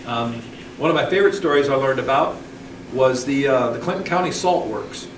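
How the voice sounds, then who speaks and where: A man's voice: medium pitch, normal speed. A middle-aged man giving an informal local history talk, rambling with many ums and restarts. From Michigan. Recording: echoey hall, distant mic, background noise.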